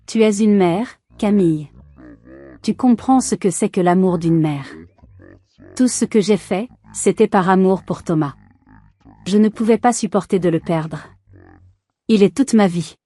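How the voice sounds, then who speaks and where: A desperate older mother-in-law, as a woman narrator reads her lines, her voice weak and raspy. The tone is dark and mellow. The recording is dry and close. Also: mid-range voice, a little slow, pauses often, dry recording, natural voice. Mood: pleading.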